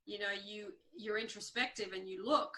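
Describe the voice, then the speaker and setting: A woman's voice: medium pitch, steady tone, normal speed, sharp tone, rough recording. A woman hosting a casual interview, encouraging her guest and agreeing often. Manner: encouraging, frequent "yeah" agreement. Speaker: interview host.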